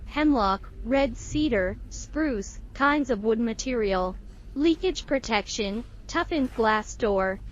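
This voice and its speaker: Higher-voiced woman reading promo, dull sound. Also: lively intonation, takes it slowly, a little hiss or hum. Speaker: manufacturer's promotional narrator. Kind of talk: scripted promotional narration.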